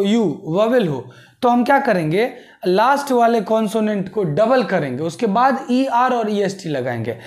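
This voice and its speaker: A man teaching an English grammar lesson, explaining step by step, spelling words letter by letter and often checking in with "theek". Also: sits high.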